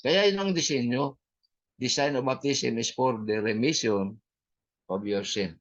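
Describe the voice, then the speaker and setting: A man with a Filipino accent teaching a church history class in an unhurried way, with many fillers and English phrases mixed in. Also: mid-range voice, muffled recording.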